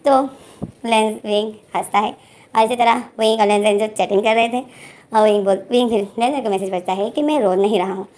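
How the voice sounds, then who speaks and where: A woman's voice: medium pitch, fairly even intonation, fairly quick, a little mellow. A woman casually retelling a romantic fan story, chatty and full of repeated fillers.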